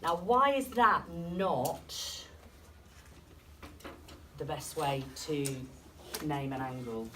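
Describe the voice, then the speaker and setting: A woman's voice: sits low, very animated, extremely slow, long pauses. Woman teacher quizzing her class, voice jumps up and down a lot, sounds far off w/ room hiss. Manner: questioning students, encouraging. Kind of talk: classroom lesson. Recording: distant classroom recording with noise.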